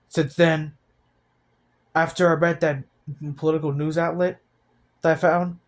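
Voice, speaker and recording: An eighteen-year-old man talking about his feelings in a personal vlog, halting and downcast, often restarting his sentences. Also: a little high. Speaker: vlogger.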